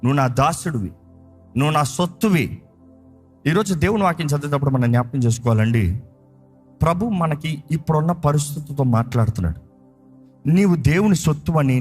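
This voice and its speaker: A male pastor preaching a sermon in a Telugu accent, repeating phrases with emphasis and drawing key words out slowly. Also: on the high side, a little mellow, slightly rough.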